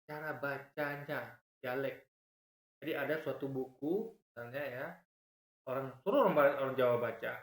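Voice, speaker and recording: A man delivers heated reaction commentary, breaking in with repeated asides and sudden leaps in pitch. His voice rings around a bare, echoey room. He explains the same point again and again to press it home. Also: normal speed, long pauses.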